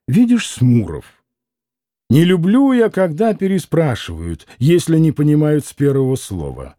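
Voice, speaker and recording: A man's voice: on the high side, sing-song, unhurried, warm tone, dry recording, studio quality. A man voicing a self-assured schoolboy in an audiobook, lecturing his friend in a condescending way.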